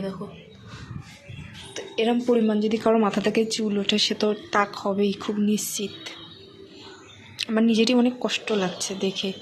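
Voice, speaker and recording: A young woman from Bengal, hoarse and rough-voiced, stumbling over words as she talks through a casual daily vlog. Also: medium pitch, a little hiss or hum. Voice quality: rough, cracking voice. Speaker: vlogger.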